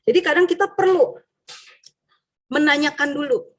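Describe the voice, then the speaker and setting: A woman teacher from Indonesia, giving a lively workshop talk to fellow teachers and acting out student and teacher voices. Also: sits high, normal speed. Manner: frequent tag questions.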